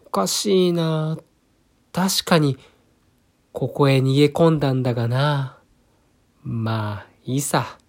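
A bullying male cat from a storybook, growling threats in a rough, bossy voice, as a man puts him on. It is close to the reader's own voice, just gruffer and pushier. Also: mid-range voice, takes it slowly, long pauses. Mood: muttering.

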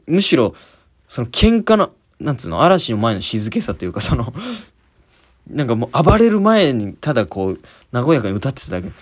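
A man hosting a podcast, telling a story in a casual monologue and acting out scenes with sound words. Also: on the high side. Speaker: podcast host.

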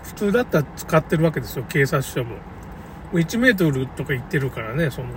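A man with a higher-pitched voice talks fast and with great animation, rambling through an opinionated, off-the-cuff account of a local flood. The mic is distant and the recording noisy, picking up cars and outdoor sounds.

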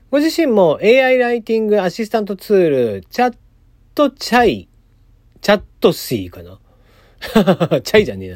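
Lively chatty man on a solo podcast. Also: high voice, no room sound, studio quality. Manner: chatty, many "uh" fillers, wry asides, chuckles at his own jokes. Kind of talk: casual solo talk reading out and commenting on a news item.

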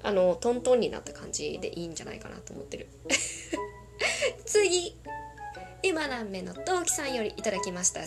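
A woman chatting on her podcast, her pitch jumping around with a lively, bouncy intonation. She is playful and a little self-conscious, giggling between listener requests as soft music plays underneath. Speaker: podcast host. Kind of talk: casual talk reading listener requests. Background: faint background music.

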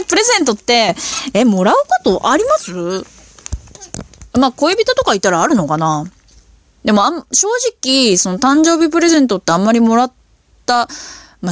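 Chatty woman with a lively, bouncing voice. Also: on the high side, dry recording, clean studio sound. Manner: animated storytelling with impressions; chatty, many fillers. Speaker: podcast host. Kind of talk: casual solo monologue.

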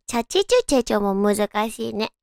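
Very high, cute anime-girl voice, woman. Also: very animated, normal speed, gravelly, a little mellow, no room sound, studio quality. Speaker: radio show host. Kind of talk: casual solo chat.

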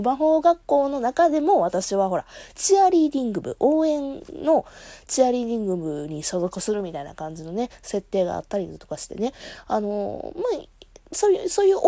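Lively Kansai woman chatting solo. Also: on the high side, no room sound. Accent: Kansai Japanese. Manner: chatty, teasing, laughs often. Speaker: podcast host. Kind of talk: casual solo talk. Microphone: phone app.

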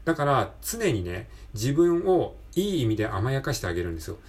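A man from Japan hosts a solo podcast in a medium-pitched, very animated voice, talking briskly. His casual motivational talk is encouraging and conversational, and he keeps checking that the listener agrees.

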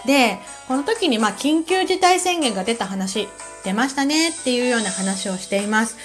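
A woman from Kansai with a Kansai accent, hosting a relaxed solo talk show with a calm manner and many soft fillers. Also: a little high, normal speed, faint music behind. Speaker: podcast host.

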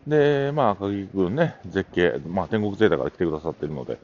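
Deep-voiced Kansai man telling stories. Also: lively intonation, fast, darkish tone, lo-fi sound, a little hiss or hum. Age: middle-aged. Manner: chatty, meandering storytelling. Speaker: podcast host. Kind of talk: casual solo talk.

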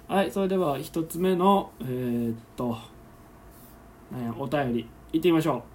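A podcast host with a Kansai accent runs a casual solo radio chat, reading listener letters and acting out awkward moments while laughing often. His voice sits on the high side and is expressive and a little mellow, at normal speed. He streams live on a phone as he records, with a little hiss or hum.

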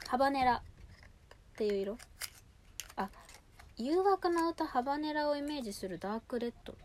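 A woman chatting casually and without a script as a show host, gushing excitedly and muttering asides to herself as she handles things. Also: high voice, normal speed, slight background noise. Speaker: host of a personal audio show. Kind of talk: casual unscripted chat to listeners while unboxing and sorting cosmetics.

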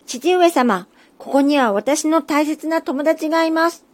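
A woman voicing a shrill young tengu boy. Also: measured pace. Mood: pleading. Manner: high-pitched and firm. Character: small boy tengu, brave and earnest.

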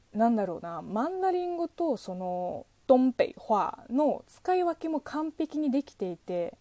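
Lively, mellow-voiced Chinese-born woman. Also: a little high, dry recording. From China. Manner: chatty, lively, self-deprecating asides. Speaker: podcast host. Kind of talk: casual solo podcast talk.

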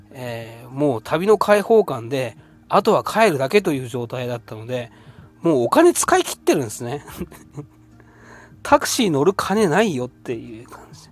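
A man in his fifties hosts a solo podcast and spins a personal anecdote at an unhurried pace. His delivery is loose and chatty, full of little fillers and restarts. His voice sits at an ordinary middle pitch, with faint music behind it. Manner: relaxed and rambling, with frequent fillers. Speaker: podcast host. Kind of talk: casual storytelling monologue.

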